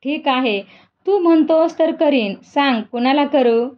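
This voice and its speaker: A woman's voice: high voice, unhurried, muffled recording. A woman voicing a young male devotee, emotional and tearful, pleading and asking questions.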